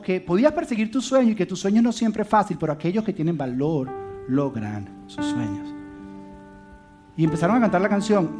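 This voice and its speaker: A man with a slightly high voice tells a heartfelt story to a congregation, his delivery animated and swinging from loud emphatic bursts to hushed, soft lines. Gentle guitar plays clearly behind him throughout. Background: soft guitar music.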